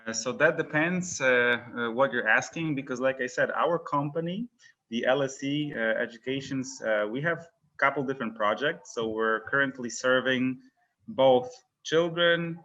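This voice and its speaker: Bright-voiced man from Poland. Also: mid-range voice, muffled recording. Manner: hesitant, many fillers and restarts. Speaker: guest, education company founder. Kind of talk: casual interview talk.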